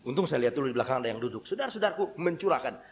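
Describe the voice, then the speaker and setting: A man preaching a sermon, telling a humorous story with animated delivery and frequently addressing the congregation. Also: mid-range voice, very fast, dull audio, a little hiss or hum.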